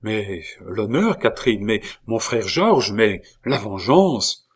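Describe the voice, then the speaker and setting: A man's voice: fairly low pitch, big pitch swings, takes it slowly, breathy edge, heavily acted. A man reading the part of an earnest, duty-bound young nobleman, speaking with urgency in a storybook reading. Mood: urgent.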